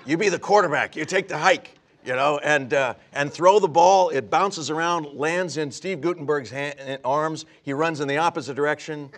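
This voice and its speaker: A man voicing a brusque male TV movie director who gives quick, bossy orders. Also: fairly high pitch, a bit bright.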